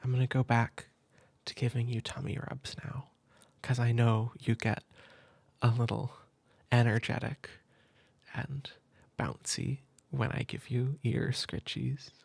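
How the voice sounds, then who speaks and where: A man speaking tenderly in a soft, half-whispered ASMR comfort roleplay, close to the mic. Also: mid-range voice, level tone, unhurried, vocal fry, no room sound. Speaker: ASMR creator.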